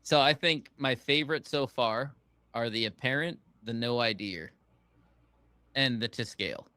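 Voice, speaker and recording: A man's voice: mid-range voice, a little slow, bright, forceful tone, clean tone, dry recording. A man co-hosting a casual podcast chat, talking hesitantly and laughing easily. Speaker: podcast co-host.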